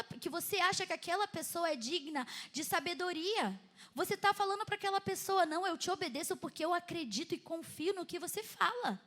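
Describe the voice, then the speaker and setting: A woman in her twenties with a Brazilian Portuguese accent, giving a chatty, lively sermon testimony at a women's church event and often laughing between points. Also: high voice. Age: 20s. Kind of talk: sermon testimony to a live audience.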